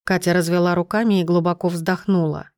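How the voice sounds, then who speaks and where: A woman narrating an audiobook chapter in a measured, even reading. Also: fairly low pitch, no room sound, clean studio sound. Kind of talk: scripted narration.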